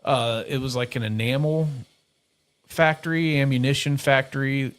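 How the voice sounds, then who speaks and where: A man's voice: medium pitch, normal speed. Rambling middle-aged man, casual chat. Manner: rambling, self-correcting, laughs easily. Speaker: podcast host.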